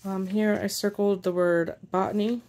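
A woman walking through her handmade journal page by page in a casual show-and-tell, unhurried and pausing as she handles the pages. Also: medium pitch, fairly even intonation, a little mellow, a little hiss or hum. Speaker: journal maker and shop seller.

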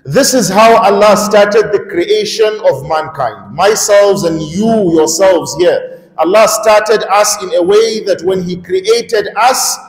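Middle-aged preacher from Nigeria, higher-pitched man, interactive, questions the crowd, long mosque reverb. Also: slow pace. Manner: interactive, questions the audience, emphatic rising calls. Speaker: Islamic lecturer. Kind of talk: mosque lecture. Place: large mosque hall, indoors. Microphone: stand microphone. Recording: echoey mosque hall reverb.

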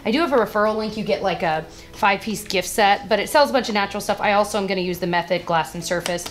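A woman's voice: mid-range voice, quick pace. A young adult woman making a casual beauty vlog, chatty and self-teasing, laughing often as she talks. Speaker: beauty vlogger. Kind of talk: casual chat to camera.

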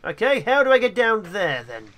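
A man's voice: high voice, moderate pace, a little hiss or hum. A man giving playful, theatrical gameplay commentary as a gaming video host. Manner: excitable, theatrical.

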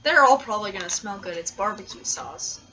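A woman's voice: medium pitch, expressive, a little fast, bright, forceful tone, distant mic, lo-fi sound, slight background noise. A woman co-hosting a casual taste test, chatting in a playful, giggly way. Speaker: food vlogger co-host.

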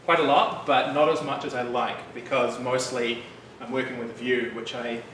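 In a bright loft-style office before an audience, a New Zealand developer in his thirties gives a relaxed, chatty meetup talk on a technical topic, peppered with fillers and asides. His mid-pitched voice moves at normal speed. He stands away from the room mic, leaving the audio distant, echoey and noisy in the background.

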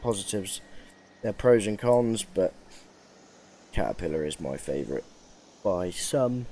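A man's voice: low voice, expressive, measured pace, dark tone. A young man giving casual, rambling commentary over a mining game, tired and joking at his own expense. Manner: rambling, self-mocking, chatty. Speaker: gaming YouTuber.

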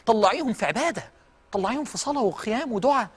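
Egyptian male preacher, high-pitched and quick, emphatic sermon delivery with lots of repetition. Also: expressive, breathy edge. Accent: Egyptian Arabic. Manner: emphatic, repeats phrases, swings from loud to hushed. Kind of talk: televised sermon to a live audience.

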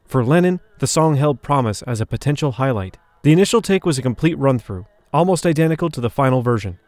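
A man's voice: medium pitch, animated, quick pace, a little mellow, no echo. A man reading a scripted documentary narration, shifting his emphasis from phrase to phrase.

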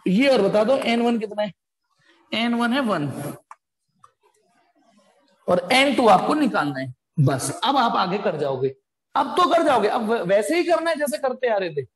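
A man's voice: sits high, animated, unhurried, pauses often. Chatty male physics teacher. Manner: chatty, calls students beta, slangy asides. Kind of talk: live online class. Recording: echoey room with long reverb.

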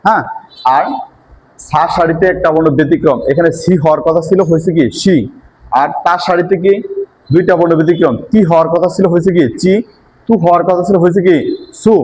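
A man's voice: on the high side, a little mellow, slight background noise, low-quality recording. Patient man teaching step by step. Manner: patient, repetitive, asks and answers his own questions. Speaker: Japanese language teacher. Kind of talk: step-by-step lesson explanation.

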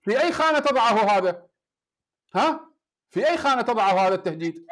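A man's voice: high-pitched, lively intonation, fast, a bit bright. An Iraqi man hosting a heated call-in debate, pressing his guest with repeated rhetorical questions. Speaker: debate show host.

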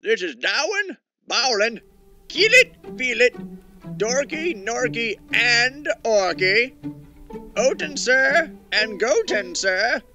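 A man's voice: extremely high pitch, big pitch swings, takes it slowly, bright, forceful tone, faint music behind, full character voice. A man voicing a bossy, self-important old dwarf leader in a cartoon parody, making theatrical speeches. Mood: brisk, apologetic.

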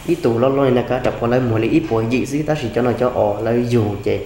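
A man's voice: medium pitch, steady tone, quick pace, mellow, slight background noise. A young man hosting a home cooking vlog, chatting casually as he cuts meat, sitting on the floor indoors. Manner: chatty, explaining while cutting meat. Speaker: vlog host. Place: indoor home room, seated on floor mat.

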